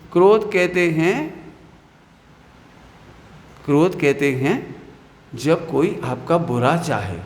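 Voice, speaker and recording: A man's voice: high voice, a little hiss or hum. A man teaching a class of children as a religious teacher, playful and full of questions for the class, sometimes acting out scolding mothers and teachers. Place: hall with children. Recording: echoey hall with long reverb.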